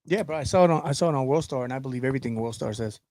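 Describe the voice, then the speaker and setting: A man co-hosting a loose podcast, trading crude jokes in an easygoing way. His voice sits at an ordinary middle pitch. The sound is dry and close, with no room echo. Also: racing. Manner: crude, joking, bursts into loud laughs. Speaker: podcast co-host. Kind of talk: casual chat.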